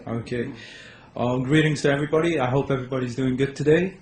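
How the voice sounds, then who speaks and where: A man from Los Angeles presents his case in a debate. He is slightly nervous, with hesitant starts and sudden quick runs of words. His voice echoes around a hall over faint noise. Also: mid-range voice, a little mellow. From Los Angeles, United States.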